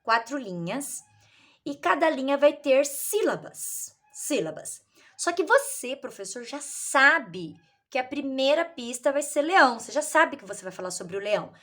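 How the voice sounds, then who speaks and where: A woman teacher, explaining literacy activities in a lively way and acting out children's answers. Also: sits high, unhurried.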